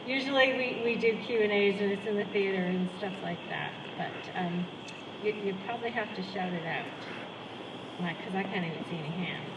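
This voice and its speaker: A woman's voice: medium pitch, normal speed. A choreographer and director, a woman, hosting a casual post-show Q&A outdoors, chatty and rambling and often cutting herself off. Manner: chatty, rambling, self-interrupting. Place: outdoor performance space. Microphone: handheld mic held away from mouth. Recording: distant echoey outdoor sound with loud traffic noise.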